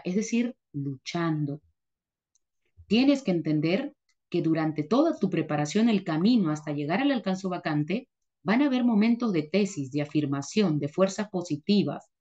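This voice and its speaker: A woman's voice: fairly low pitch, warm tone, highs cut off. A woman teacher giving an emphatic motivational lecture, repeating her points and answering her own rhetorical questions. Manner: emphatic, repetitive, asks herself rhetorical questions.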